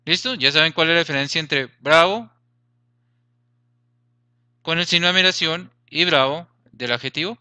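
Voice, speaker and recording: A man's voice: fairly high pitch, moderate pace, pauses often, sharp tone, smooth, dry recording. A man teaching a grammar lesson, explaining patiently, repeating points and checking that students follow.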